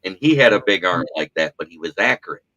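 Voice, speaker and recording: A man with a deep voice talks fast as host of a casual sports podcast, using a podcast mic. He's a self-deprecating, animated storyteller with a practiced radio voice, and the audio is dull with a little hiss or hum.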